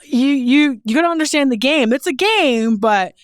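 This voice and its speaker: A woman from Newfoundland, a fashion photographer, chatting as a guest in a studio and telling stories with lively energy, casual swearing and frequent laughs. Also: high voice, normal speed, clean tone, dry recording. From Newfoundland, Canada. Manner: animated storyteller, swears casually, laughs often. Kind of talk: casual podcast chat. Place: podcast studio.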